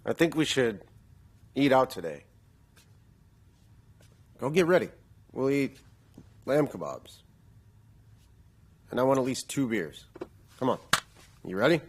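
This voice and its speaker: A man's voice: mid-range voice, very animated, measured pace, pauses often, no echo, heavily acted. An actor dubbing a middle-aged single father who dodges his daughter's questions, in an English dub of a TV drama. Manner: gruff and evasive, brushing off questions. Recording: faint background noise.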